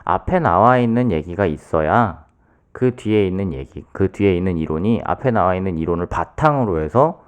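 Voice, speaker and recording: A soft-spoken man with a low voice explains a book on a casual podcast. His pitch rises and falls a lot as he builds his points. He talks at length and fills his pauses with "um". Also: animated, clean tone. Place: podcast studio.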